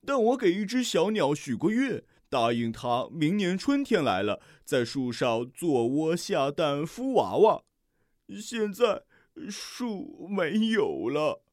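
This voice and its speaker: A sad old tree stump from a children's storybook speaks slowly and mournfully, as a reader puts it on. The voice drifts up and down. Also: medium pitch, very animated, darkish tone, no echo, clean studio sound. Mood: sorrowful. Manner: slow, sorrowful.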